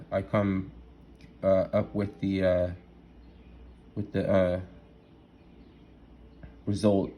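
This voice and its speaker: Deep-voiced man rambling excitedly. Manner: rambling, restarts often, lots of fillers and "right?"; loose, excitable, laughs at himself. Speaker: solo vlogger. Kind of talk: rambling casual monologue.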